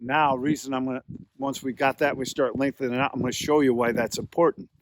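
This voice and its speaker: A man's voice: medium pitch, fairly even intonation, fairly quick, rough recording. A man giving a hands-on beginner tutorial as a calling instructor, explaining patiently and repeating himself as he demonstrates.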